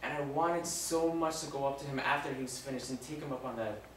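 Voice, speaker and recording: Speaking briskly in a medium-pitched voice, a man lightly acts the remorseful, rough-living robber crucified beside Jesus in a live first-person monologue. Regretful and agitated, he moves passionately between hushed confession and loud, forceful lines. The very echoey room, distant mic, and faint noise color the sound.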